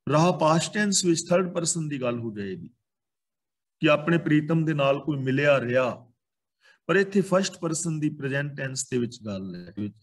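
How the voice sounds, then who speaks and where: Calm Punjabi man explaining scripture. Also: on the high side. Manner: calm explanatory, pauses between short phrases. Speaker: Sikh scripture teacher.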